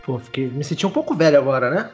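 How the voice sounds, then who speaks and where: A man's voice: fairly high pitch, very animated, fast talker, soft background music. A man with a Brazilian Portuguese accent chatting casually as a podcast guest. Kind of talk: casual chat.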